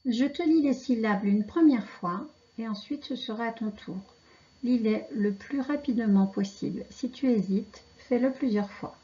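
A woman teaching children to read, pronouncing syllables and words slowly and carefully. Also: on the high side, mellow, lo-fi sound. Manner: slow, carefully articulated dictation. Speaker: reading teacher. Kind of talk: slow reading lesson for children.

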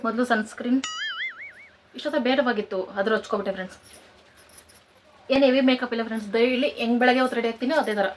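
A woman's voice: fairly high pitch, steady tone, fast, long pauses, faint music behind. A woman of about twenty-eight with a rural Kannada accent, chatting casually and jokingly to viewers in a village home vlog. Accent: rural Kannada, Kanakapura area. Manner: joking, addresses viewers as friends, coos at pets. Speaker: vlogger. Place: village home, indoors and outdoors.

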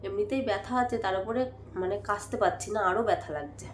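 A young woman with a Bengali accent chatting casually in a home vlog, worn out and coughing, her voice going hoarse. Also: mid-range voice, quick pace, roomy sound, a little hiss or hum. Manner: chatty, rambling, tired. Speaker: vlogger. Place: at home, indoors.

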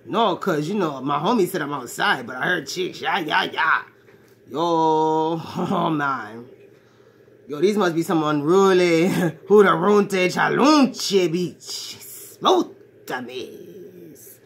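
A woman in full character voice, deep, creaky, and slightly rough, with lively intonation and a slow pace, plays a brash, crude, swaggering ladies' man in his 40s. She delivers a rambling comedic monologue to a phone at arm's length in a small, cluttered bedroom.

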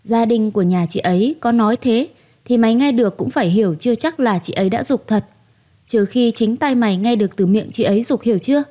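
Lady doing a fake-sweet young wife, sharp tongue, warm mellow voice, storybook reading. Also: on the high side, normal speed, lightly acted. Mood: scolding. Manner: sugary when asking, harsh and scolding when angry. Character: scheming young daughter-in-law, sweet-talking and sharp-tongued.

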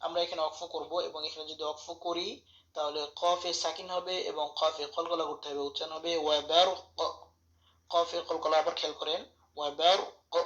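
A man teaches Quran recitation in a bright, fairly high voice. He spells out each letter and vowel mark, then draws the verse out slowly, contrasting right and wrong sounds. The recording is dull and lo-fi. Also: roomy sound. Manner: corrects wrong pronunciations by contrast. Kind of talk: tajweed lesson, spelling and reciting.

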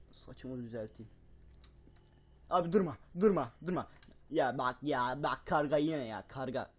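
A young man commentating a horror game, swearing a lot, yelling at scares and muttering between them. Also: mid-range voice, lo-fi sound. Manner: swears a lot, panics and yells at scares, then mutters quietly. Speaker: gaming YouTuber.

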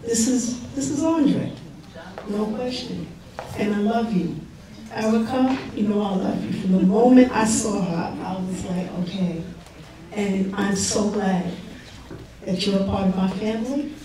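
A middle-aged woman, the groom's aunt, giving a heartfelt, halting wedding toast with little laughs between phrases. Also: mid-range voice, a crowd in the background. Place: wedding reception hall. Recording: echoey hall, distant mic, background noise.

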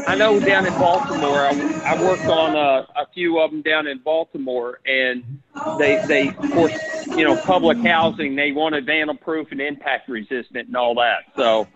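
Man, webinar host, casual answers, higher pitch, lo-fi audio. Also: normal speed. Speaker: webinar presenter. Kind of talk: casual question-and-answer chat.

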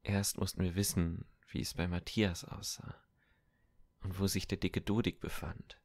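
A man narrates an audiobook in a calm, measured way. His voice is very deep and gravelly, and he reads at an unhurried pace. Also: no echo. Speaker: audiobook reader.

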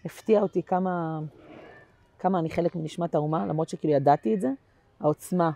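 A woman comedian chatting as a guest in an interview, telling animated stories that swing between loud bursts and quiet asides, with plenty of slangy fillers. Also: lowish voice, gravelly, dry recording. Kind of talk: casual interview chat.

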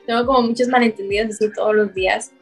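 Mexican woman, podcast guest, scientist; slightly high voice; animated anecdotes with acted-out quotes and frequent laughter. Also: fast talker, breathy edge, faint music behind. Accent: Mexican Spanish. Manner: animated storytelling, acting out quoted dialogue, laughing often. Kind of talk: casual podcast conversation.

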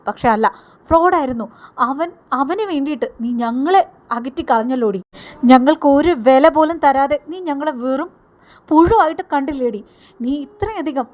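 A woman's voice: high voice, natural voice. A woman reading the lines of a young woman harshly scolding a friend in a reproachful tone.

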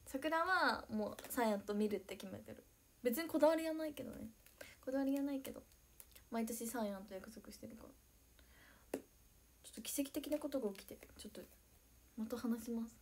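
Young woman, high bright voice, bubbly livestream chatter, giggly, reads out viewer comments. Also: a little fast, long pauses, slight background noise. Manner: excitable, giggly, thanks viewers by name. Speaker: idol livestreamer. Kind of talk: casual livestream chat reading viewer comments.

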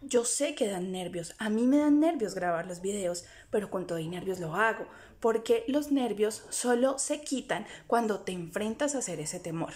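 A woman's voice: mid-range voice, lively intonation, moderate pace, few pauses, a little mellow. Encouraging woman teaching reading aloud. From Colombia. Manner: earnest, encouraging, addresses viewers directly. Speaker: literature teacher giving reading-aloud tips. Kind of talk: direct-to-camera instructional talk.

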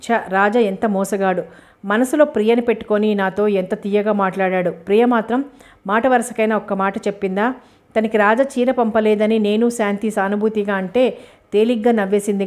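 Woman, audiobook narrator, first-person novel reading, steady and even, mid-pitched voice.

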